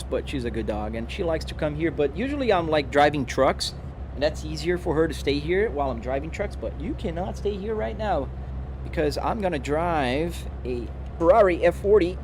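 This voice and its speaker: At his home sim rig, a Brazilian streamer whose first language is Portuguese takes viewer questions while using a driving simulator. He sounds animated, with a fairly high pitch and moderate pace, and the noisy background carries music and in-game car engines.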